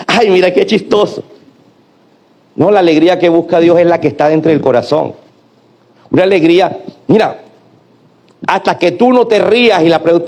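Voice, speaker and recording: High-voiced pastor preaching. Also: male voice, darkish tone. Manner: preaching, calling on the congregation to repeat and answer. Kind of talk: sermon.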